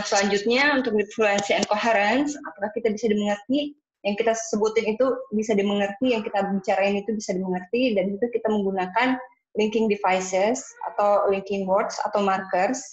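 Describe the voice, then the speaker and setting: Woman teaching in an echoey room. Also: mid-range voice. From Indonesia. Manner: casual teacher's talk with hesitations and English terms. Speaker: IELTS speaking teacher. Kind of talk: explanatory lesson. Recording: echoey room, dull sound.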